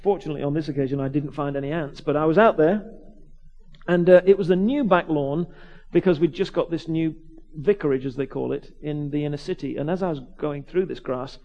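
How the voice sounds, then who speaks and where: A man, a vicar, preaching by telling a lively personal story, acting out the voices of the people in it and often restarting his words. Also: a little high, lo-fi sound. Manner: animated, acts out voices, quick restarts. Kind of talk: storytelling sermon.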